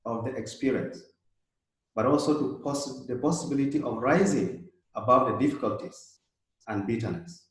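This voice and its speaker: South sudanese-born guy in his 30s, slow thoughtful talk, really echoey room. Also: medium pitch. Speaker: guest speaker, Jesuit. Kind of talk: prepared talk.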